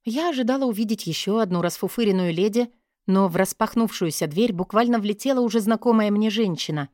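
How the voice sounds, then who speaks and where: A woman's voice: mid-range voice, fairly quick, a little mellow, no room sound, studio quality. Woman narrating a fantasy audiobook. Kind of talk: scripted first-person fantasy narration.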